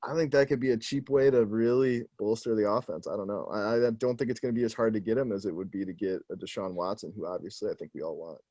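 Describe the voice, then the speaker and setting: A man's voice: lowish voice, fairly even intonation, fast, hardly any pauses, dark tone, no echo. A man co-hosting a podcast who gives laid-back, offhand opinions in casual sports chat. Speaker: podcast co-host.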